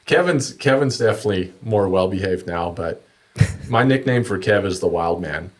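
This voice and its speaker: A man's voice: low voice, expressive, moderate pace. A man chatting casually and telling anecdotes in laid-back, slangy talk as a podcast guest. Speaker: podcast guest, kayak angler.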